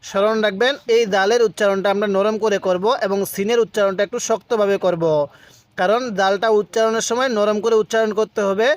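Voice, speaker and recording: A man's voice: high voice, steady tone, a little fast, no echo. A man teaching a Quran reading lesson, patiently spelling out letters and syllables one by one. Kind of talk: step-by-step recitation lesson.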